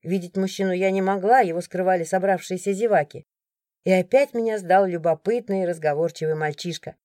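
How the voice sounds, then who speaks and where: A woman from Siberia narrating a first-person audiobook in a lively, expressive way. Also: on the low side, brisk, no echo, studio quality. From Siberia, Russia.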